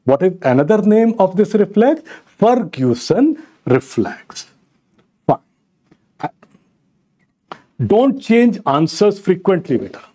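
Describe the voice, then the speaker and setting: North indian guy teaching exam prep, highish voice that swings up n down, repeats stuff for emphasis. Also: dark tone, a little hiss or hum. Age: middle-aged. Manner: didactic, repeats key phrases for emphasis; switches between English and Hindi. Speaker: medical exam lecturer. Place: indoor studio in front of a slide screen.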